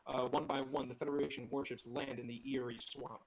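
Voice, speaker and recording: A man with a medium-pitched voice reads screenplay stage directions a little fast and with a flat delivery, a crowd audible behind him. It's a joking group table read and casual online voice chat, heard through a slightly distorted laptop mic, and he breaks off for playful, mocking asides.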